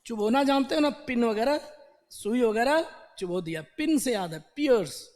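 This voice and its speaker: An Indian man teaching an online exam-prep lesson, breaking words into slow drawn-out syllables and repeating them. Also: very high voice, animated, a little mellow, in a large hall. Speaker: English teacher.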